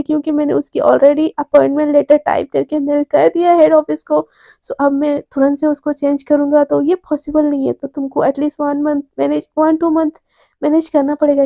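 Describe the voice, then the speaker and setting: A polite male office boss who talks gently and persuasively, as a woman storyteller voices him. The voice stays high and mellow. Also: level tone, normal speed, gravelly, dry recording.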